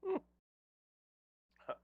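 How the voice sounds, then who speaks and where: A man's voice: extremely slow, no echo, phone-quality sound. A man playing in an online tabletop game who jokes and mocks his own flubs. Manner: self-mocking, joking. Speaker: player. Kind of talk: casual tabletop play.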